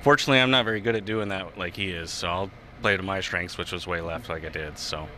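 Deep, bright-toned runner-up bowler. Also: male voice, quick pace, slight background noise. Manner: good-natured, gracious in defeat. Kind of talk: casual post-match interview.

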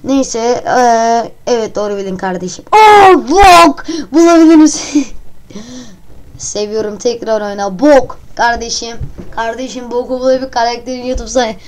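A woman's voice: fairly high pitch, fairly even intonation, moderate pace, darkish tone. A woman hosting her own channel, casually talking through a guessing game while giggling and joking crudely. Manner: giggly, answers questions aloud and jokes crudely.

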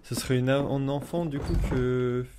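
A man's voice: mid-range voice, fairly even intonation, normal speed, over music. Casual man doing gameplay commentary. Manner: informal, hesitant, thinking aloud. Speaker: let's player.

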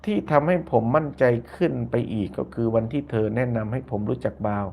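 A man's voice: mid-range voice, lively intonation, brisk, darkish tone, a little hiss or hum. A man hosting a casual live-stream commentary, reading viewer comments aloud, often repeating phrases and tagging lines with polite particles. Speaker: YouTube channel host.

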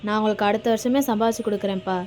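A woman's voice: medium pitch, steady tone, a little mellow, soft background music, natural voice. A young actress playing a caring college-student daughter who is a little jealous of her younger sister. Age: young adult. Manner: quick, pleading.

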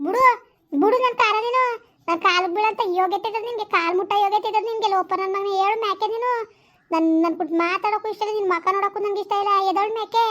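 A woman's voice: extremely high pitch, fairly even intonation, rapid-fire, few pauses. A woman playing Kempi, a fiery village wife. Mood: scornful. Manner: scolding, refusing sharply. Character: angry young village wife, stubborn and scornful. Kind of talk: village comedy skit.

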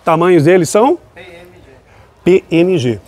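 A man's voice: high-pitched, animated, moderate pace, a little mellow. Chatty man vlogging a street market. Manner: upbeat, chatty, keeps addressing viewers as "gente". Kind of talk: walking market vlog with vendor chat. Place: outdoor night street market, busy city street. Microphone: handheld phone camera.

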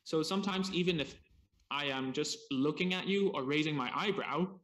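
Male speech therapist, slightly high voice, seminar delivered in short chunks over a video call. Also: moderate pace, fairly bright tone, slight background noise. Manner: explains in short chunks, casual asides. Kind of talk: seminar talk paused for interpretation.

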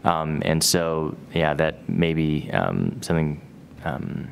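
A young man speaking hesitantly at a public town committee meeting, with many pauses and fillers, recorded on a desk microphone in a town hall auditorium. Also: very deep voice, sing-song, gravelly, slight background noise.

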